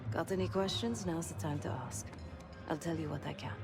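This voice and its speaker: A woman's voice: deep voice, a little fast. A woman acting a cool, shrewd spy in a video game cutscene, confident and controlled as she gives instructions. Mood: cool, instructing. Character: cool, shrewd female spy briefing an operative. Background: music.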